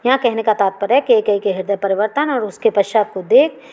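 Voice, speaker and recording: A young woman teaching Hindi literature, reading poem lines slowly and then explaining them in plain prose. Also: medium pitch, a little mellow.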